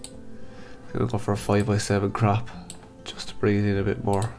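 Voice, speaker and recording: A man with a blocked-up, nasal voice from hay fever, calmly talking through a software photo-editing tutorial step by step. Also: fairly low pitch, normal speed, faint music behind. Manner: calm step-by-step instructions. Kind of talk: screen-recorded software tutorial.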